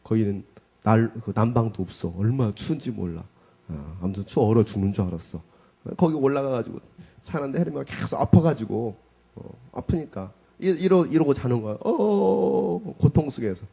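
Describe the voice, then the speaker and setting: A man's voice: mid-range voice, fairly quick, husky. A middle-aged man, a pastor, telling a personal story in a sermon and acting out the voices and cries of the people in it. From South Korea. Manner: animated storyteller, acts out cries and quotes.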